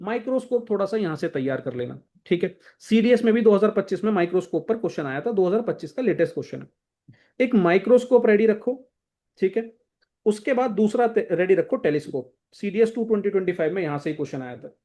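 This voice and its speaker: A man's voice: sits high, animated, fast talker, mellow. Hindi-speaking man teaching exam prep. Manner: casual, directive, repeats "thik hai" to check in. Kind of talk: exam-prep lesson walking through a textbook.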